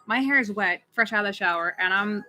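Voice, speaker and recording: A woman's voice: mid-range voice, fairly quick, pushed and bright, soft background music. A woman in her late thirties co-hosting a livestream, chatting in a rambling, casual way and reading out viewer names. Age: late 30s. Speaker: co-host of a horror watch-party stream.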